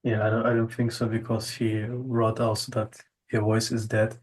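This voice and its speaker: A man's voice: fairly low pitch, little pitch movement, moderate pace. A man hosting an online poetry session, chatting casually and hesitantly, often repeating words as he thinks. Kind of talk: casual group chat.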